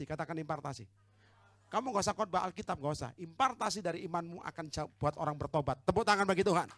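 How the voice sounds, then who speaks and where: A man preaching a charismatic sermon, swinging from hushed asides to loud exhortations and calling for amens, with English phrases dropped in. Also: on the high side, no echo. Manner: calls for amens and congregational responses. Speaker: evangelist preacher.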